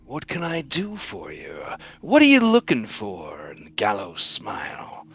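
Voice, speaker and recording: A man voicing a sexy skeleton barker who touts a town with inviting, slightly breathy patter in a tabletop game. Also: mid-range voice, very animated, slow, a bit bright, dull audio, voice pushed up, exaggerated voice.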